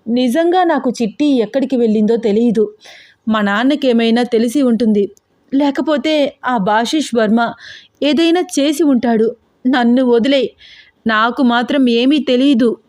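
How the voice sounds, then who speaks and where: A woman reading a storybook aloud and voicing a panicked young man who cries and begs in a high, wailing voice. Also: unhurried, darkish tone, no room sound, studio quality, natural voice. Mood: terrified pleading. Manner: wailing, pleading, high-pitched.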